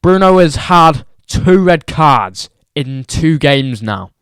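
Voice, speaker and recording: A man's voice: on the high side, expressive, slow, a bit bright, clear, resonant tone, dry recording, clean studio sound. A young man ranting about football results, exasperated and repeating his points for emphasis. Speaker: football vlogger.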